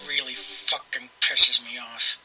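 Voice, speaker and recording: A man's voice: medium pitch, flat delivery, takes it slowly, sharp tone. A man hosting a let's play, casually commentating and reading game narration aloud.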